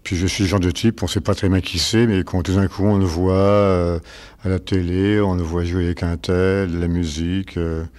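An older man, a stage actor, answering interview questions in a rambling, halting way with many restarts. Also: sits low, little pitch movement, darkish tone.

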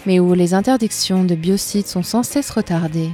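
A woman host giving measured, scripted narration. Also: lowish voice, warm tone, faint music behind. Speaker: radio host.

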